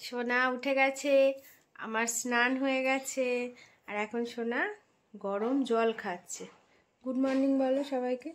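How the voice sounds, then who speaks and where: Young mom vlogging her morning at home, chatty, explains everything, kinda high voice. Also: fairly even intonation, measured pace, long pauses. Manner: chatty, explains each step to viewers. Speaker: vlog host and mother. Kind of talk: casual home vlog narration.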